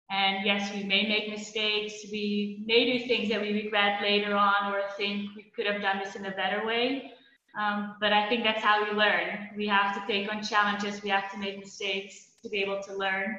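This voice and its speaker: A woman's voice: mid-range voice, bright, forceful tone. A woman from the Netherlands, raised in Belgium, answering interview questions in an earnest, reflective way. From Netherlands, grew up in Belgium. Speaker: guest. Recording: muffled echoey room sound.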